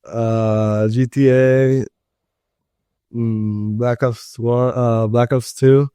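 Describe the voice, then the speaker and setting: A man's voice: medium pitch, steady tone, very slow, warm tone, smooth, no room sound, studio quality. A young man co-hosting a casual podcast with loose, joking, slangy banter. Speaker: podcast co-host. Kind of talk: casual chat.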